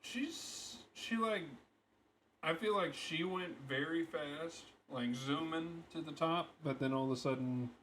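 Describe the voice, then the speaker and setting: A man's voice: on the high side, unhurried, rough recording. Young man, podcast co-host, casual chat, filler-heavy, faint noise. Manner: relaxed, filler-heavy musing.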